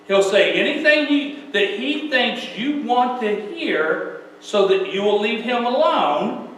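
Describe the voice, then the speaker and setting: A man's voice: high-pitched, a bit bright. Folksy man preaching, questioning style; very reverberant sanctuary, distant mic. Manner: folksy, asks rhetorical questions. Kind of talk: sermon. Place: church sanctuary. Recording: very echoey church, mic far off, faint hum.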